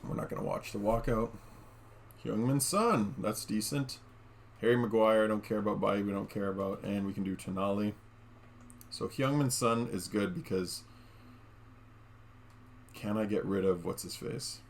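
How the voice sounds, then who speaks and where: A man's voice: lowish voice, moderate pace, creaky, long pauses, a little hiss or hum. A man giving casual gameplay commentary at home, chatty and talking straight to his viewers with lots of fillers. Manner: chatty, addresses viewers as guys, many fillers. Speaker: gaming YouTuber. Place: home room.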